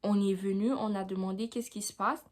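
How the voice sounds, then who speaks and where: A woman's voice: mid-range voice, fairly even intonation, a little fast. A young woman vlogger telling a personal story time in a slangy, chatty way, with frequent "tu vois".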